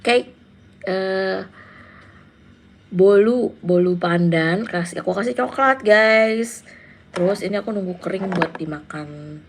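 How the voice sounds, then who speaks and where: A woman's voice: mid-range voice, slight background noise. A woman in her thirties hosting a casual live stream, chatting with viewers and reading out their names and comments. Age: 30s. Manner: chatty, reads out viewer names and answers them.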